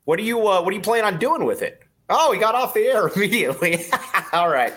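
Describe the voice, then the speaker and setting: A man hosting a casual sports podcast, talking in a chatty, excitable way. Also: high-pitched, a little fast. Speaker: podcast host. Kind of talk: casual sports podcast chat with sponsor reads.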